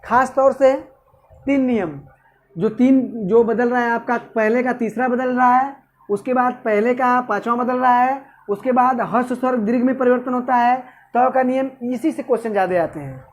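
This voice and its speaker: A man's voice: very high-pitched, moderate pace, lo-fi sound. A male teacher giving an exam-prep grammar lesson, asking questions and answering them himself. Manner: asks and answers own questions, repeats "okay".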